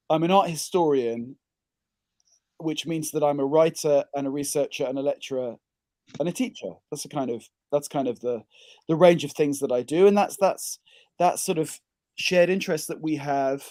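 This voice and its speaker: A man's voice: a little high, warm tone, dry recording. A man from England talking over an audio-only call, self-deprecating and rambling with restarts. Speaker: guest, kidney donor. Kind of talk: casual interview chat. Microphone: video call, audio only.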